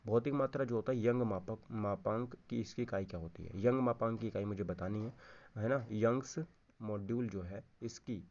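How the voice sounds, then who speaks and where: A man with a fairly low, darkish voice speaks at a normal speed in an informal exam-prep lesson, going through quiz questions. He repeats key answers, checks in with listeners and mixes Hindi with English terms. The audio is dull.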